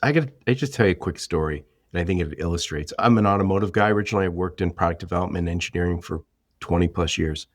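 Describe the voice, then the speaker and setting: A man hosts a casual interview and tells stories with lively asides. His voice sits very low. The sound is dry, with little room around it. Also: very fast, dry recording. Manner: storytelling, animated asides. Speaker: podcast host.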